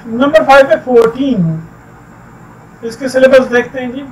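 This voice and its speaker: A man teaching an English textbook lesson, explaining slowly and repeating words. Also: very high voice, fairly even intonation, darkish tone. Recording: distant mic with faint background noise.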